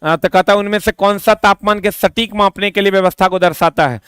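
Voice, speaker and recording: A high-pitched man coaches students through an exam-prep lesson. He talks in a chatty, repetitive way and throws in quick asides. His voice comes across smooth and clear, recorded dry and close. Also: fairly even intonation, a bit bright, no echo. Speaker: teacher.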